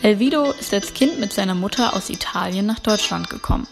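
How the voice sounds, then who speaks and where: A woman reporter narrates a scripted feature in a clear, even delivery. Her voice carries a gravelly edge, and soft music plays faintly underneath. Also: medium pitch, a little fast.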